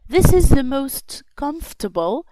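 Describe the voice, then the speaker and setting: A woman with a Tunisian accent, teaching an English lesson. She says each sentence slowly and carefully, repeats it, then explains it. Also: high-pitched, big pitch swings, warm tone, no room sound, rough recording. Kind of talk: slow classroom explanation, switching between English and Arabic.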